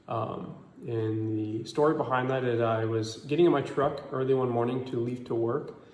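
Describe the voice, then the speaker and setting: A man's voice: mid-range voice, steady tone, moderate pace, a little mellow. Hesitant young man, echoey room. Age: 20s. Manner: hesitant, many ums. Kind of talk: direct-to-camera statement.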